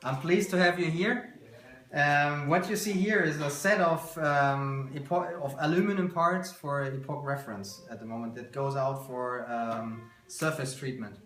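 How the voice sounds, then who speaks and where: A company founder in his thirties, a man with a German accent and a fairly high, slightly bright voice, gives an unhurried, informal tour of his small indoor workshop, often searching for words. A handheld camera a couple of metres away captures roomy sound with background noise and clicks.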